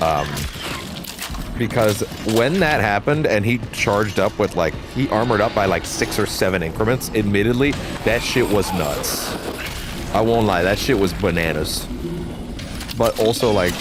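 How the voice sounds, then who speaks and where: Speaking at normal speed in a lowish voice, a man casually narrates his gameplay as a let's play host. There's steady background noise, and his talk rambles with many restarts and free swearing.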